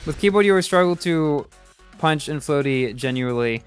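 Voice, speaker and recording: Male live streamer, bright animated voice, casual running commentary over faint music. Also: on the high side, normal speed, clear, resonant tone. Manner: chatty, reacts aloud to the game, many restarts. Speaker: game streamer.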